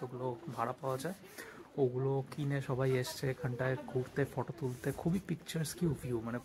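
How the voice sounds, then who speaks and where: A man talking casually as he walks, vlogging a city trip, with many filler sounds and a lowered voice in quiet spots. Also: rough recording. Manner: chatty, many filler sounds, drops to a hush in quiet areas. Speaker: travel vlogger. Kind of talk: casual walking vlog commentary. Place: outdoors on city streets. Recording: outdoor street noise with traffic. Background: city street noise and vehicles.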